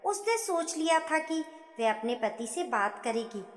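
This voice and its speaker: A woman narrating a moral story in an expressive, scripted storytelling manner. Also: high-pitched, unhurried. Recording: echoey room with long reverb.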